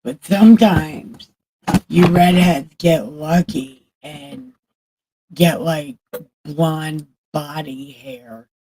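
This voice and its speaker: A woman's voice: low-pitched, very slow, dark tone, slight background noise. A woman livestreamer in casual chat, talking candidly and with plenty of swearing to her viewers. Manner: candid, profane, chatting with viewers.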